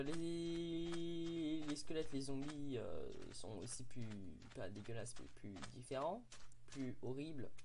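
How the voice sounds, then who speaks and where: A man's voice: a little high, a little mellow, a little hiss or hum. Chatty gamer man. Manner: chatty, playful, exclaims at what he finds. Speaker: Minecraft let's play host. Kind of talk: casual gameplay commentary.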